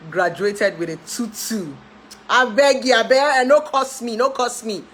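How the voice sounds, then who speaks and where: A woman's voice: on the high side, measured pace, a bit bright, a little hiss or hum, rough recording. A woman in her thirties with a Nigerian accent, a relationship therapist chatting to her followers about her life, laughing often and dropping into pidgin. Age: 30s. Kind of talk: casual chat to camera.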